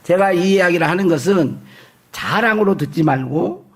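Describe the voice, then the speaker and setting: A middle-aged man preaching a Sunday sermon as pastor, reading scripture slowly and swinging between loud declaring and soft low asides. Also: lively intonation, breathy edge. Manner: reads scripture aloud slowly.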